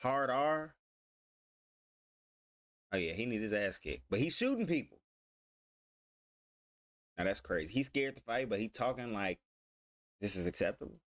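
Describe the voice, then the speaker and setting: A man's voice: fairly low pitch, big pitch swings, moderate pace, pauses often. Slangy man hosting a reaction video. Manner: slangy, loose and chatty. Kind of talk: casual reaction commentary.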